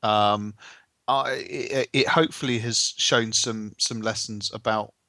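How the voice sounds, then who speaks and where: A male co-host with a low voice and a dry, close sound. He talks in a wordy, measured way and slips in deadpan quips. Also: dry recording. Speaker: podcast co-host. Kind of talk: casual chat.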